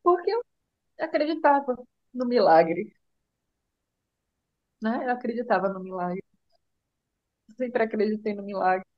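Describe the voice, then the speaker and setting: Tender middle-aged Brazilian mother, halting speech. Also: a little high, animated, dry recording, lo-fi sound. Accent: Brazilian Portuguese. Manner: tender, halting, with many restarts and "né?". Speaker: mother telling her son's story. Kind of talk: emotional personal storytelling.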